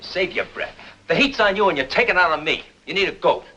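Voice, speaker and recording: A cornered crook with a high, jumpy voice that swings all over. He talks fast and sneering, his tone bright and sharp, and the old film sound is dull. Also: lively intonation, a little hiss or hum. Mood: defiant, agitated. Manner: agitated, sneering, loud protests. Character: defiant cornered male crook, jumpy and mouthy. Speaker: suspect. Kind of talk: 1950s film acting. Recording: dull lo-fi 1950s film audio.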